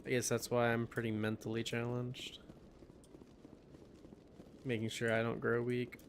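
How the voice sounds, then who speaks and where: Yawning and worn out, a young streamer mutters and muses to himself as he plays, game music running beneath. He speaks unhurriedly in a mid-range voice with completely flat delivery, and there's slight hiss or hum.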